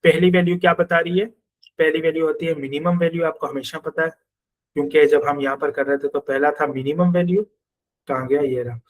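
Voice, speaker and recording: A male programming teacher with a Pakistani Urdu accent talks through a coding lesson on screen. He thinks aloud and walks through each step, in a voice that sits a little higher than most men's. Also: steady tone, a little fast, poor audio. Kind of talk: screen-share coding class.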